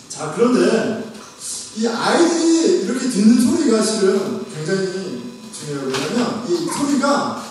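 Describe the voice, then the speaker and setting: A middle-aged man preaching a sermon as pastor, telling stories lively and acting out how he scolds his kids. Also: high voice, a little hiss or hum. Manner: animated storytelling, acts out scolding his kids. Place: church hall. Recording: echoey hall from far off.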